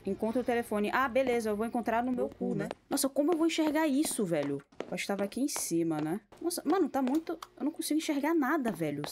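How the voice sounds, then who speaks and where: A woman's voice: fairly high pitch, animated, fast talker, few pauses, darkish tone. Swearing Brazilian woman gamer, noisy recording. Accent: Brazilian Portuguese. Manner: profane, jumpy, yelps and curses at scares. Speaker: gameplay video creator. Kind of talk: casual horror let's play commentary.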